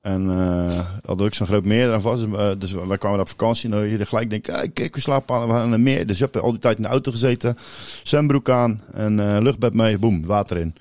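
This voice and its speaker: Fast-talking man on a dry mic. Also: on the low side, no echo. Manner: quick, animated storytelling with swearing. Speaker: podcast co-host. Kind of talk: casual chat among friends.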